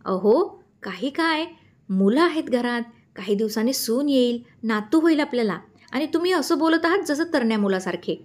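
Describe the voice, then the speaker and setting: Brief: bashful older wife, read by a woman, voice rising high when flustered. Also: lively intonation, normal speed, natural voice. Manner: bashful, fussing. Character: shy, caring older wife.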